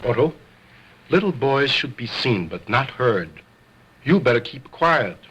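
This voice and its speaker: A man's voice: mid-range voice, sing-song, unhurried, a bit bright, a little hiss or hum. An actor playing an egocentric, stern stage ventriloquist who talks in a grandly formal showman's manner, in an old 1929 film. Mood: pompous. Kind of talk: 1920s stage and film acting. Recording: vintage 1929 film soundtrack.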